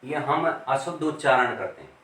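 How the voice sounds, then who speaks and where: A male teacher gives a classroom grammar lesson, speaking slowly and deliberately and repeating words as he writes on the board. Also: medium pitch, expressive, fairly bright tone, echoey room, recorded from a distance, rough recording.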